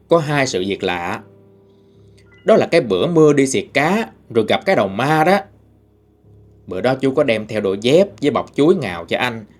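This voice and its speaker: A man with a Southern Vietnamese accent telling a ghost story in a folksy, lively way, voicing the people in it. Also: medium pitch. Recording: faint music behind.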